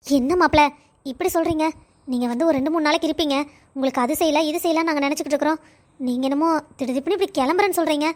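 A woman voicing a doting elderly grandmother in an animated family story, pleading and fussing over her family. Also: high voice, racing, lightly acted.

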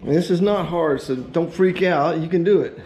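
A middle-aged DIY vlogger with a slightly high voice talks at a normal pace, giving a folksy, informal how-to while half muttering to himself as he works. He's recording in a home garage workshop on an action camera that sits on a tripod or is handheld, so the distance shifts. The room echoes, the noise is clear, and handling clicks come through.

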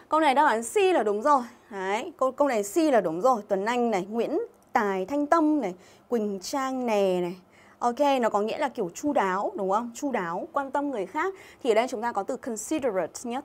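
A woman's voice: a little high, expressive, a little fast. Chatty Vietnamese woman teaching English live. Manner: chatty, reads out viewer names and comments. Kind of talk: livestream exam-review lesson.

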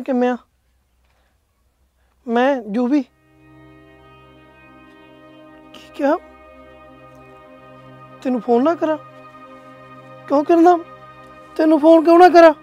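A man's voice: very high-pitched, dark tone. A man playing a young village man who calls out to a friend and pleads on the phone. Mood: pleading. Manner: calling out, casual. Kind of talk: village comedy drama acting.

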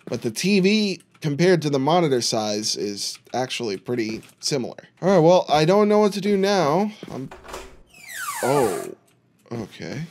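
A man's voice: on the high side, sing-song, measured pace, a little mellow. A man giving casual, jokey commentary while playing a horror game, with dry sarcastic asides. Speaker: video game streamer.

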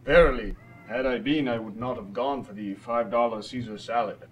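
An actor playing a pompous superhero from Asgard who talks in archaic, grandiloquent speech in a restaurant. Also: male voice, medium pitch, moderate pace, a little hiss or hum, natural voice. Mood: lofty.

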